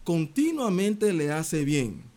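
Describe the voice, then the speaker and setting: A man's voice: a little high, slow. A man preaching a sermon, retelling a parable and asking the listener direct questions. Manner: animated, expressive preaching, retelling a parable with quoted voices.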